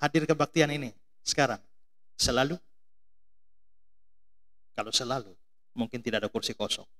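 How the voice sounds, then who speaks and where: A man's voice: medium pitch, moderate pace. A middle-aged man from Indonesia preaching a sermon, telling stories and firing questions at the congregation. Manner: animated storytelling, mimics voices, asks congregation questions. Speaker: pastor.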